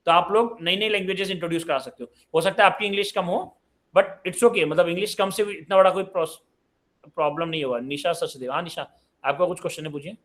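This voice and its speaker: A man's voice: high-pitched, steady tone, fast, fairly bright tone. A man in his late twenties hosting a live online parenting session, reading out viewer questions and answering them conversationally. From Uttar Pradesh, India. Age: 20s.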